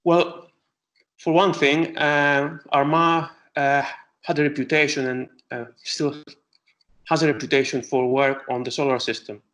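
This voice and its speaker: A middle-aged man from Greece, an astronomer answering interview questions with many pauses and restarts. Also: a little high, steady tone, fairly bright tone, low-quality recording. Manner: hesitant, many fillers and restarts.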